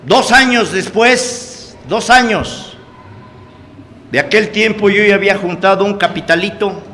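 A man with a Mexican accent giving a personal testimony to a meeting, earthy and full of swearing, swinging between loud emphasis and low confiding tones. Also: unhurried. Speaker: speaker sharing his testimony at a recovery meeting. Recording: echoey hall, faint background noise.

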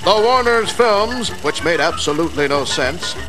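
A grand, brisk 1930s newsreel announcer for a cartoon, booming out his dramatic lines in a high voice. Music plays under him the whole time. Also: animated. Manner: punchy, dramatic announcer delivery.

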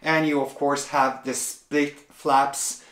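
A man in his forties reviewing a model airplane at a table indoors, talking in a relaxed way with many pauses and fillers. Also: on the high side, roomy sound. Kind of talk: product unboxing review.

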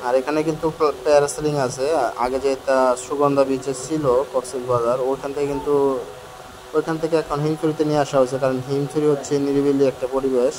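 A man's voice: medium pitch, level tone, fast. A man, a travel vlogger climbing hill stairs, talking frankly to viewers and slightly out of breath. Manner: chatty, frank and complaining, addresses viewers directly. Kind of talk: walking travel vlog commentary. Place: outdoors on hillside stairs. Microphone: handheld phone camera. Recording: phone audio with loud outdoor noise.

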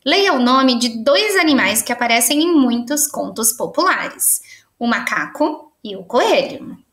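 A woman with a Brazilian accent teaching young children remotely, cheerful and encouraging, sounding out syllables slowly. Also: a little high, very animated, a bit bright, reverberant. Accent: Brazilian Portuguese. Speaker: primary school teacher.

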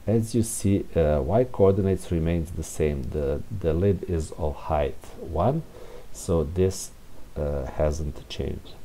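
In this unscripted, casual screencast, a programming tutorial presenter walks through code, his voice low and mellow, speaking slowly as he thinks out loud. The hiss of a room heater sits behind him.

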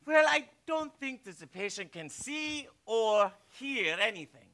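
An actor playing a trustworthy, authoritative doctor with a German accent in a stage musical. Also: male voice, very high voice, very animated, measured pace, bright, forceful tone, heavily acted. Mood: explaining. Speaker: doctor figure.

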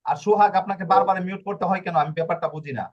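A man's voice: high voice, rapid-fire, muffled recording. A man teaching a language class online, explaining step by step and asking himself questions as he goes. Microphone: video call.

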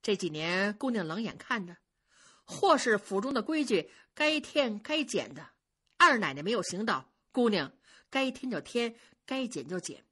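A woman storyteller voicing a sharp-tongued young female head maid who scolds the servants briskly and commandingly. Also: mid-range voice, very animated, husky. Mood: placating.

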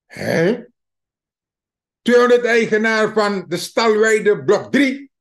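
A man's voice: sits high, big pitch swings. A man with a Surinamese Dutch accent giving a mocking, emphatic political commentary to his viewers. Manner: slow, mocking, emphatic, addresses viewers as dear friends. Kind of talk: opinion commentary monologue.

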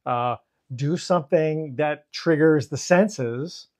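A man, a therapist co-hosting a podcast, explaining calmly and mixing clinical terms with casual swearing. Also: fairly high pitch, slow pace. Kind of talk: casual chat.

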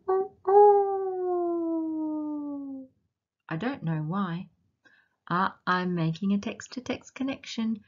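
A woman with an Australian accent reading a picture book aloud to children and asking them gentle, teacherly questions along the way. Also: medium pitch, muffled recording. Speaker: children's storytime reader.

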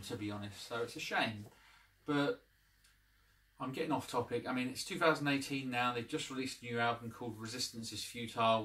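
Guy rambling through a review in his living room, lots of ums, mid pitch, a bit far from the mic. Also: a bit bright. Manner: rambling, many ums and restarts. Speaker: channel host, reviewer. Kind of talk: casual to-camera review. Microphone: camera across the room.

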